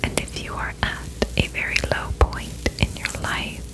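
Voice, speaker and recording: Female ASMR host for a whispered pep talk: gentle, reassuring, unhurried delivery, fully whispered. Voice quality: whispering, breathy unvoiced voice. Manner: gentle, reassuring, slow and reflective.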